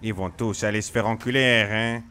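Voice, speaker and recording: A man's voice: on the low side, steady tone, moderate pace, bright, forceful tone, clear, resonant tone. A streamer playing a touchy, grumbling man in an improvised role-play, tagging a questioning word onto nearly every phrase. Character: touchy, grumbling man who feels picked on.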